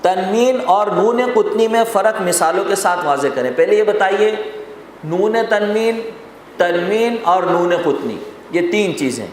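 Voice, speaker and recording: A man's voice: high voice, animated. A man teaching a Quran recitation class, explaining rules step by step, quizzing his students and repeating lists. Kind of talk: classroom lesson. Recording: very echoey hall with faint noise.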